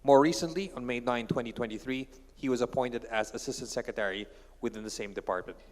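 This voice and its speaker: Filipino male moderator, even mid-pitch, formal intro, hall reverb. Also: fast. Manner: formal, steady, reads prepared text. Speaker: conference moderator. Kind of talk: reading a speaker introduction. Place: large conference hall.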